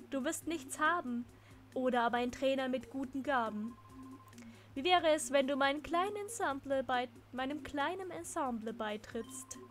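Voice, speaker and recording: A woman's voice: high-pitched, close to an everyday voice. A woman voicing a flamboyant, smug male villain boss, reading the game's dialogue aloud in a sing-song, coaxing way.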